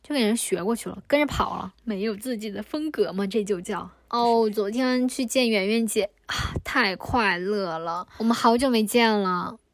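A woman's voice: medium pitch, moderate pace, hardly any pauses, no echo. A woman of twenty-four hosting her own podcast in a chatty, playful solo talk, now and then joking with put-on accents. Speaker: podcast host. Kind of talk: casual solo podcast chat.

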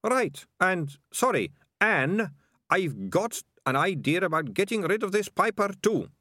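A man's voice: sits high, very animated, unhurried, bright, forceful tone, dry recording, clean studio sound, voice pushed up, heavily acted. A man voicing a dim, eager male rat catcher who blusters nervously. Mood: blustering.

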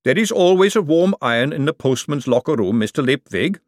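A man voicing an earnest female golem clerk who speaks slowly, formally and precisely, in a higher voice than his own. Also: animated, no echo, studio quality, lightly acted. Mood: prim.

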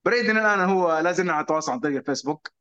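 A man's voice: rapid-fire, smooth. A man tells a story casually, acting out voices and mixing in English words. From Saudi Arabia. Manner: animated, acts out quoted voices with sharp pitch jumps; mixes English words into Arabic. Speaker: guest telling his story. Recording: dull lo-fi sound.

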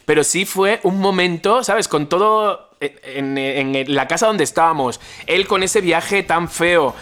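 Chatty man, mid-high voice, spins an anecdote with animated asides. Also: measured pace. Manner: animated, constantly adds "¿sabes?". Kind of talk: casual storytelling chat.

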